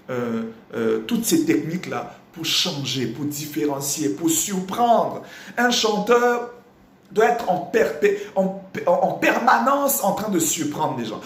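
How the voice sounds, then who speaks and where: Animated Congolese-born vocal coach. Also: male voice, high-pitched, roomy sound. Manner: animated, repeats phrases while explaining. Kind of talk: singing lesson with sung examples.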